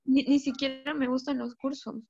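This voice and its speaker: A woman's voice: sits high, level tone, warm tone, no room sound. Hesitant young woman on a video call. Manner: hesitant, halting. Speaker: caller. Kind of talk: call-in advice chat. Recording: dull dry video-call audio.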